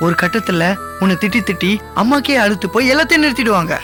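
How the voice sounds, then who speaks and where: An actor playing a young husband in a TV serial, gently reassuring his wife. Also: high voice, animated, fast, faint music behind. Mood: consoling. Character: young husband, calm and consoling. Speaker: husband of Kamu. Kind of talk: Tamil TV serial acting.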